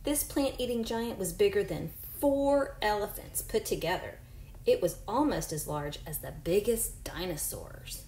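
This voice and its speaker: A teacher in her forties reads a picture book to young children in a mid-range, mellow, expressive voice, never hurrying. She's encouraging, makes chatty asides and asks the unseen children questions. The room echoes and faint background noise is present.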